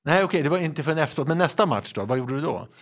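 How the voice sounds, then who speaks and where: A man on a sports podcast panel, chatting casually and asking quick follow-up questions. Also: a little high, animated, fairly bright tone.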